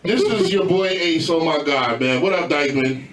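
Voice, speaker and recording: A man's voice: fairly high pitch, moderate pace. A man hosting a small radio sports show, brash and joking, talking over his co-hosts. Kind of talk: casual sports debate banter. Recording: roomy echo, mic at a distance.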